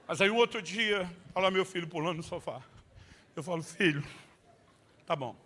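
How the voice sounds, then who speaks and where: Bright, high-voiced comic preacher man. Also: fairly quick, slight background noise. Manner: animated, bursts into loud shouts at punchlines. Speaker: pastor. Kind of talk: humorous sermon storytelling.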